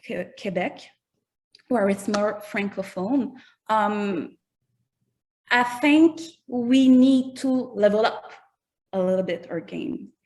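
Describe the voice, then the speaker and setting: Slow and often pausing, a French-accented woman, a native French speaker and musician, chats in a casual interview, carefully reaching for English words. Her mid-range voice is a little mellow, and the recording is rough.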